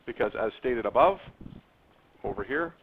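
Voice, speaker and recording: A male math teacher walks his class through a worked example, his pitch swinging widely as he leans into key words. The classroom recording sounds thin and phone-like, with a faint hiss underneath. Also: normal speed. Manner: lively, stretches words, spikes up on key terms; addresses students directly.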